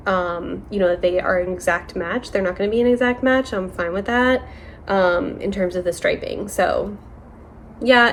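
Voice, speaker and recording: A young woman chatting casually on her knitting vlog, rambling with many fillers and quick self-corrections. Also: fairly low pitch, slight background noise. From United States. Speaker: knitting vlogger. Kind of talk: casual show-and-tell chat.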